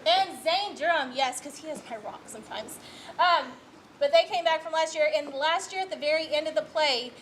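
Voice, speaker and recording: A school drama director, a woman with a high, slightly bright voice, introduces a play to an audience at a moderate pace. She speaks informally and unscripted in a chatty, explanatory way, with slight background noise.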